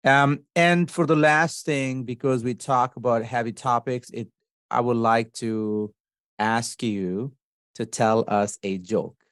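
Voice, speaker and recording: Male podcast host, relaxed and informal, dry studio audio. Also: medium pitch, slow, clean tone, dry recording. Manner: easygoing, informal with fillers. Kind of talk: interview hosting.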